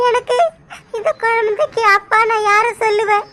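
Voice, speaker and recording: A woman's voice: very high voice, level tone, moderate pace, sharp tone, slight background noise. A woman voicing a wronged young pregnant wife who sobs and laments. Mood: sobbing, despairing. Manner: sobbing, lamenting. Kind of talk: cartoon voice acting. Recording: background music under voice.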